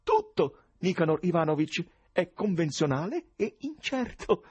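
A man's voice: fairly high pitch, very animated, measured pace, a little mellow, slightly rough, no echo, voice pushed up, full character voice. A man voicing a thin, fawning male interpreter with a tremulous tenor voice, cordial and chattering. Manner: cordial, chattering, laughs as he talks.

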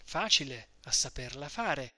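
A man reading the part of a shrewd, talkative middle-aged mother who insists and explains things at length, in a bright voice recorded dry. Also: medium pitch, lively intonation, measured pace, no room sound. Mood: explaining.

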